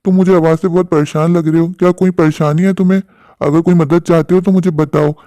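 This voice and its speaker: A man voicing a kindly older man in a cartoon, speaking gently and giving advice. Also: a little high, fairly even intonation, fast talker, no room sound, lightly acted. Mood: gentle. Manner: gentle, advising. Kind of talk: cartoon voice acting.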